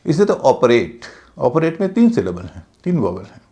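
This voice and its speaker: A man's voice: mid-range voice, very animated, moderate pace, warm tone. A male teacher giving a methodical lesson on English pronunciation, patiently spelling out words letter by letter. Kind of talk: explanatory lesson.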